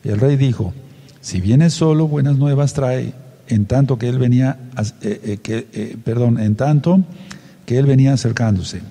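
A man's voice: mid-range voice, moderate pace, dark tone, in a large hall. A man leading a Bible study, reading scripture aloud and stopping to explain it and question his listeners. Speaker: Bible teacher.

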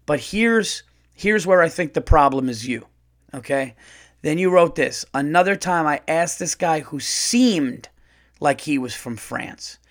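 A middle-aged man hosts a loose comedy podcast, reading listener letters aloud. He reacts bluntly and animatedly, laughing and swearing. His voice sits a bit high for a man. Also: animated, unhurried. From United States. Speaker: podcast host.

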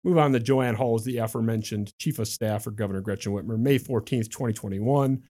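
A man's voice: lowish voice, fairly quick, warm tone. A man hosting a talk show, delivering a sarcastic, exasperated political monologue and mocking the statements he reads out. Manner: sarcastic, exasperated, reads quotes aloud and mocks them. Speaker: podcast host.

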